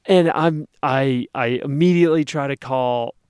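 A man in his thirties co-hosting, telling a travel story casually and acting out his own panicked shouts. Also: mid-range voice, a little slow, clean tone, no echo, studio quality. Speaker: podcast co-host.

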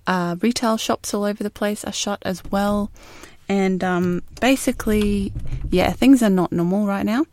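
A woman's voice: medium pitch, measured pace, darkish tone, no room sound. An Australian woman hosting a podcast in casual solo talk, recorded inside a closet. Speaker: podcast host.

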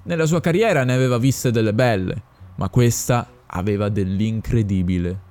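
A man narrating a short story and voicing the conductor, expressive and theatrical. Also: lowish voice, moderate pace, soft background music. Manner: expressive, acting out the characters. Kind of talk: audiobook story reading.

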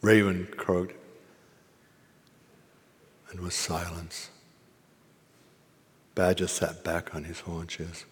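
A man's voice: deep voice, level tone, very slow, pauses often, big-room sound, a little hiss or hum. A man giving an informal, musing dharma talk as a Zen teacher, with fillers and asides. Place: meditation hall at a retreat.

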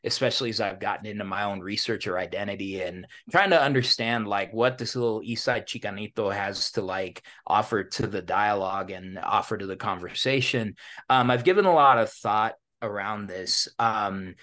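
A man's voice: fairly low pitch, moderate pace, fairly bright tone. A man with an American accent hosting a podcast in an informal, slangy way, dropping in bits of Spanish. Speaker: podcast host. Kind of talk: casual hosting and interview.

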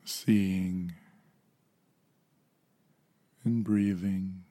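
A man in his fifties gently guiding a slow mindfulness meditation, calm and unhurried with long pauses. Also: sits low, no echo. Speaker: meditation guide.

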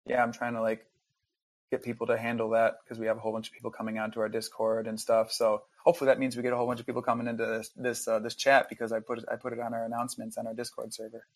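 A man's voice: medium pitch, racing, no echo. A man chatting casually as a guest game developer on a podcast, rambling with plenty of fillers. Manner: relaxed, rambling, lots of fillers.

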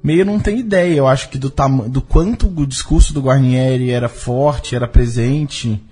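Interviewed as a film director, a Brazilian man talks casually and reflectively, often halting as he searches for words. His voice is medium-pitched, mellow and husky, with soft music playing in the background.

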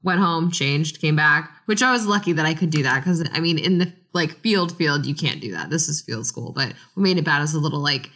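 Bright-voiced woman, rambling chat. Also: low-pitched, animated, brisk, hardly any pauses. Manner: rambling, many fillers like "like". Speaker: archaeologist. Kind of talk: casual podcast chat.

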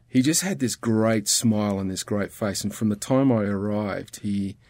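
A man's voice: fairly low pitch, moderate pace, a little mellow, dry recording, clean studio sound. A middle-aged Australian man with an Australian accent, talking earnestly and reflectively as a podcast guest. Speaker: guest, ministry worker. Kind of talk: casual conversation.

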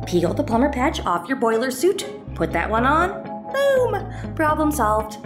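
A brash, bossy schemer, played by a woman in an audio drama, high-pitched and swooping all over her range. She barks orders and bubbles with nervous excitement. Faint music sits underneath. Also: measured pace. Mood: scheming. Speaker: scheming partner in a heist.

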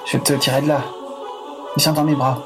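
Man acting a quick, protective, desperate father. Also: medium pitch, little pitch movement, close to an everyday voice. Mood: urgent, reassuring. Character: desperate, protective father reassuring his lost child. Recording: music behind the voice.

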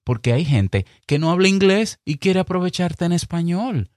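Clear-spoken Dominican man giving podcast advice. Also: high-pitched, lively intonation, darkish tone, dry recording, clean studio sound. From Dominican Republic. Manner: emphatic, direct, speaks slowly and clearly on purpose. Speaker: podcast host. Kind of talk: advice talk to fellow podcasters.

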